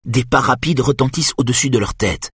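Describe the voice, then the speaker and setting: A man reading a thriller audiobook in a steady, measured narration. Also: medium pitch, slightly rough, no room sound, studio quality.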